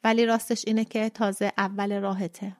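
A woman voicing a playful young woman in a storybook reading, speaking softly and probing gently. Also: mid-range voice, little pitch movement, natural voice.

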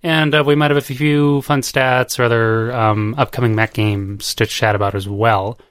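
A man's voice: medium pitch, steady tone, moderate pace, a bit bright, clean tone, dry recording, clean studio sound. A man hosting a casual podcast chat, out of breath and rambling, laughing often. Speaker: podcast host. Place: home.

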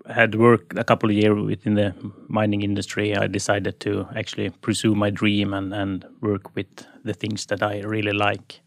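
Man, from Sweden, young adult, gravelly low voice, hesitant with fillers. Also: no room sound, studio quality. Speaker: student guest. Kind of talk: casual interview answers.

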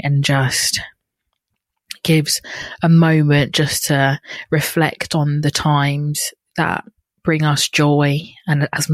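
A woman hosting a podcast, speaking reflectively in a soft, hesitant way with pauses and ums. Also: low-pitched, no echo. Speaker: podcast host.

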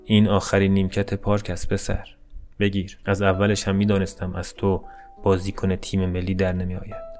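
A man voicing a gruff, impatient bus driver who talks brusquely, in a storybook reading. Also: low-pitched, completely flat delivery, a little mellow, soft background music, close to an everyday voice.

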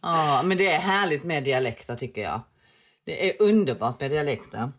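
A woman with a Scanian Swedish accent chatting casually as a co-host, telling stories in a lively, animated way. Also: sits low. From southern Sweden. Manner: lively storyteller, animated, laughs often. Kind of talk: casual chat.

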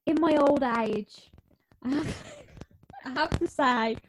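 Slow-talking woman, podcast co-host. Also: high voice, slight background noise, poor audio. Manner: dry, laughing, slow and drawn out. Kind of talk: casual chat.

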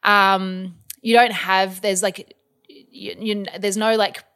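A woman's voice: mid-range voice, level tone, takes it slowly, fairly bright tone, clear, resonant tone. A young Australian woman chatting casually as an interview guest, with lots of ums and likes. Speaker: guest, model and influencer.

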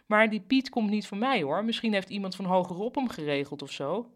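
A woman's voice: mid-range voice, animated, fairly quick, voice pushed up, natural voice. A woman playing a bossy male office manager.

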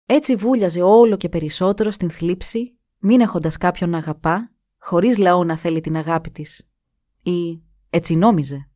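A woman narrating a scripted story in a measured, expressive reading voice. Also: lowish voice, no room sound, studio quality.

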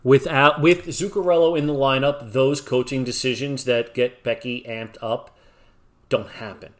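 On a casual sports podcast, a mid-pitched male co-host who also blogs is quick to argue and joke during the debate. When excited his voice jumps up high, then it settles back into ordinary talk.

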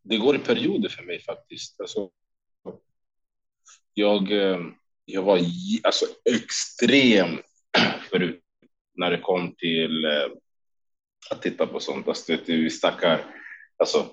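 A man from Sweden, a former kickboxing champion, telling stories as a podcast guest, animated and quoting people in lively bursts with frequent laughs. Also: deep voice, lo-fi sound. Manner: animated, quotes himself and others in lively bursts, laughs often. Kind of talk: casual storytelling interview.

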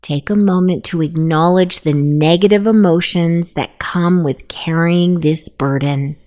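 A woman narrating a guided meditation, giving gentle, unhurried instructions. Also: fairly low pitch, steady tone.

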